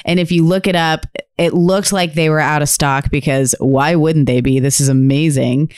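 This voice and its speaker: Woman podcast co-host, low-ish smooth voice, dry close sound, chatty and laughing. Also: fairly even intonation, normal speed, darkish tone, no echo. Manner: chatty, laughs often, says y'all. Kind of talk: casual chat.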